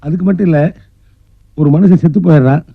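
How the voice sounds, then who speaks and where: An actor playing a blustering, whiny landlord in a film comedy scene. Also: male voice, fairly high pitch, fast talker, creaky, breathy edge, dry recording. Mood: lamenting. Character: blustering fast-talking male landlord. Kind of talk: Tamil film comedy dialogue. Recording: dull film soundtrack.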